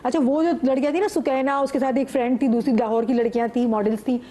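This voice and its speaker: A middle-aged woman on a morning talk show recounts a frightening experience, telling it in an animated, vivid way. Her voice sits high and she speaks fast, in a TV studio setting.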